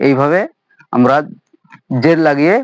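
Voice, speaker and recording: A man teaching Quran reading, chanting each Arabic letter and its vowel sound in a steady drill. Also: on the high side, unhurried, no echo, highs cut off. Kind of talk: slow recitation lesson on Arabic letters.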